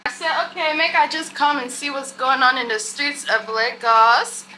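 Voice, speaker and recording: Bright, high-voiced young woman vlogging. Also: normal speed, a little hiss or hum. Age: young adult. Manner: chatty, animated, talks to viewers as "y'all". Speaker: travel vlogger. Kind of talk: casual vlog to camera. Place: hotel room and balcony at night, outdoors by a city street. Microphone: handheld phone camera at arm's length.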